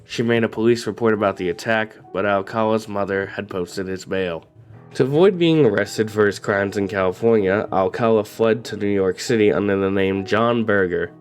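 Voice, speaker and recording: Narrating a true crime story, a male host speaks in a low voice at a moderate pace, somber and steady. He's just coming down with a cold, which makes him slightly raspy, and soft music plays faintly beneath him.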